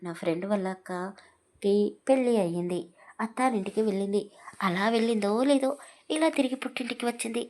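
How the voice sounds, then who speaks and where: A woman's voice: mid-range voice, brisk, a little mellow, lightly acted. Innocent childlike young bride, a woman reading her, asks wide-eyed questions in an audio story. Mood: naive.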